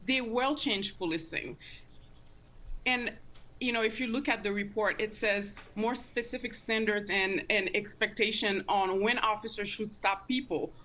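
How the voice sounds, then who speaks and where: A woman speaking as an interview guest, giving earnest, deliberate commentary and stressing her points. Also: mid-range voice, a bit bright. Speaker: interview guest, community advocate.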